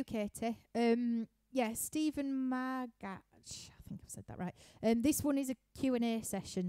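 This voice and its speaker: A young musician from Yorkshire, England hosts a live stream Q&A from her living room, reading out viewer questions in a casual, rambling way full of laughter and fillers. Her mid-range, warm voice is captured in studio quality with no room sound.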